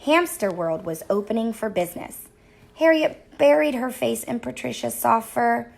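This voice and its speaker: A woman reading a picture book aloud to children, with expressive, sing-song storytelling. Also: on the high side, moderate pace, vocal fry. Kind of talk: read-aloud storybook narration.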